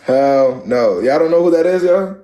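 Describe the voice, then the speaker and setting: A man's voice: a little high, expressive, moderate pace, warm tone. A young American man hosting a casual live advice chat, blunt and slangy, repeating phrases for emphasis. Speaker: live stream host giving dating advice.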